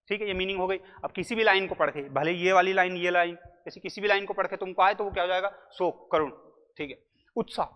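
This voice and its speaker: A man teaching grammar in a casual, joking lecture, talking to students like a big brother. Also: sits high. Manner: chatty, jokey, addresses students as brother. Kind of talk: casual exam-prep lecture. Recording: muffled lo-fi audio in a reverberant room.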